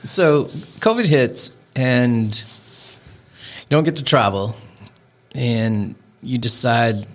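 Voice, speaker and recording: A man's voice: mid-range voice, drawn-out words, pauses often. A man hosting a podcast, chatting casually and asking friendly, leading questions. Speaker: podcast host. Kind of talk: casual conversational interview.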